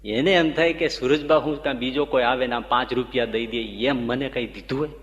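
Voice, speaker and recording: A man giving a devotional sermon as a swami, telling stories with animated emphasis. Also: medium pitch, fairly quick. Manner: animated storytelling, rising with emphasis. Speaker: swami preacher. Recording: echoey hall, dull lo-fi sound.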